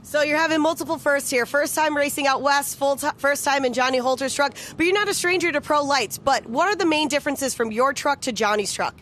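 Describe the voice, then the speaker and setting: Pit reporter, female, high voice, upbeat, faint noise. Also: a little fast, hardly any pauses, fairly bright tone. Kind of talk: trackside interview.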